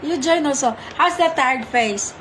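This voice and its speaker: A woman's voice: sits high, a little slow, fairly bright tone, a little hiss or hum. A young Filipino-accented mother playfully coaxing her toddler through faces at home, giggling often. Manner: coaxing, giggly, sing-song prompting.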